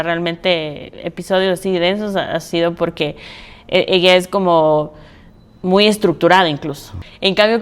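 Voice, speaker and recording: A woman's voice: on the low side, smooth. Chatty woman, laughing podcast host. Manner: animated, laughs often, acts out quoted voices. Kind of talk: casual conversation.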